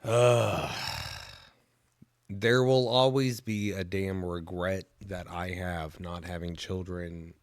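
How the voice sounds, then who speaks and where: A man's voice: low-pitched, fairly even intonation, slow, few pauses, no echo, clean studio sound. A man in his thirties hosting his own show, talking in a rambling, profane, emotional way with many restarts. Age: 30s. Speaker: show host. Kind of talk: casual solo monologue.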